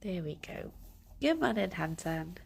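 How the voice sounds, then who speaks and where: A congested woman chats on a casual morning stream from home, greeting viewers by name, giggling, and baby-talking softly to her pets. Her voice sits low, with a sing-song, unhurried delivery and vocal fry. Slight background noise is present.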